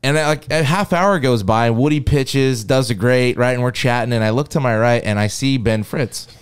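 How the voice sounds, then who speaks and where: A man co-hosting a casual sports podcast, telling stories with excitement, swearing and laughing at himself. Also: mid-range voice, moderate pace, clean tone. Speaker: podcast co-host.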